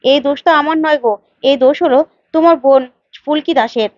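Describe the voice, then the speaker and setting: A woman voicing a flustered man who plays along as a bride's father, eager to please and quick to explain himself. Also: sits high, no room sound, muffled recording, lightly acted.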